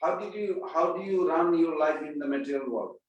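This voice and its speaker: Man, scripture class speaker, slightly high voice, far from the mic, very echoey room. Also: a little fast, muffled recording. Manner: conversational, quizzes the audience; chants verses in Sanskrit.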